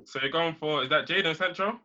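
Bright, higher-voiced young male host. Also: brisk, muffled recording. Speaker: host of a football draft. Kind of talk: casual chat, moderating banter.

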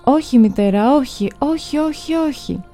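A frightened little boy in a storybook reading, crying out in a raised, pleading voice, as a woman narrator puts him on. The voice sits a little higher and louder than her telling, yet keeps her dark, mellow tone, with faint music underneath. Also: animated, lightly acted. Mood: desperate pleading.

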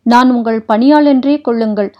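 A woman voicing a stern, restrained old warrior-prince who speaks in a grave, measured, formal way, read for an audiobook. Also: on the high side, highs cut off, close to an everyday voice. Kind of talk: audiobook character reading.

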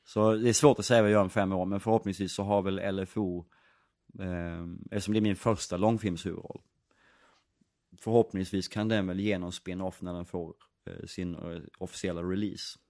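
Deep-voiced man, reflective. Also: steady tone, a little mellow, no room sound, studio quality. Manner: reflective, rambling with many fillers and restarts. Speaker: actor and director. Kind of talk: casual interview answers.

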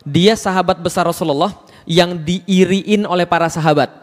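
High-voiced preacher in an echoing hall. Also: male voice, normal speed. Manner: animated, asks the audience many questions. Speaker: Islamic preacher. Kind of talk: lively religious lecture.

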